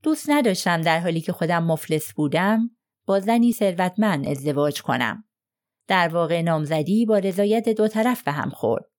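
A woman's voice: on the low side, lively intonation, darkish tone, natural voice. A woman voicing a reserved young man in an audiobook, giving short, guarded answers under questioning. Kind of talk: audiobook character reading.

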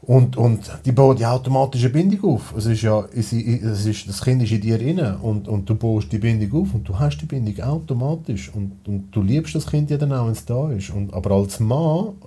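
As a podcast guest in a casual personal chat, this Swiss German-accented man is blunt and rambling, restarting often and using many fillers. His voice is medium-pitched, dark-toned, and husky, at a normal speed with hardly any pauses.

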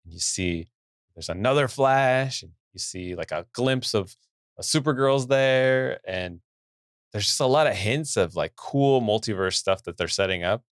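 A man's voice: on the low side, expressive, unhurried, no room sound, clean studio sound. A man hosting a podcast, talking casually and enthusiastically with his co-host. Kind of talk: casual chat.

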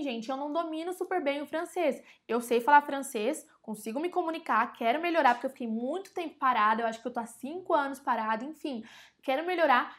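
A woman's voice: high voice, fairly bright tone. A woman with a Brazilian Portuguese accent teaching English in a casual online lesson, chatty and often addressing her audience directly. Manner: slows down to spell and repeat example words.

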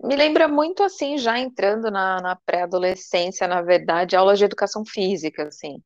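A woman's voice: medium pitch, a little fast, no echo. A woman podcast guest with a Brazilian Portuguese accent, chatting in an upbeat, emphatic, teasing way. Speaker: podcast guest, financial consultant. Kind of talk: casual chat. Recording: dull lo-fi sound.

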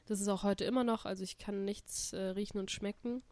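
A woman's voice: mid-range voice, steady tone, fairly quick, darkish tone, dry recording. A young woman chatting casually as a podcast co-host, rambling and slangy, mildly sick with a stuffy nose. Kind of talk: casual chat.

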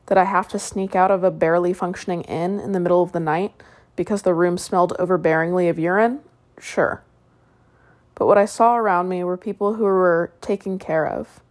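A woman with a slightly low voice reads as a sleep story narrator. She delivers a written article in a soothing bedtime narration style. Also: a little mellow.

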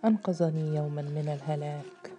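A woman voicing a frightened, guilt-torn young woman in a storybook reading, speaking in a hushed, breathless way. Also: low-pitched, steady tone, brisk, slight background noise, lightly acted. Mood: pleading.

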